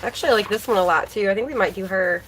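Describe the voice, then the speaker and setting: A woman's voice: mid-range voice, very fast, fairly bright tone, a little hiss or hum, rough recording. A woman hosting a casual livestream, chatting and greeting viewers by name while her voice is slightly worn. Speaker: livestream host.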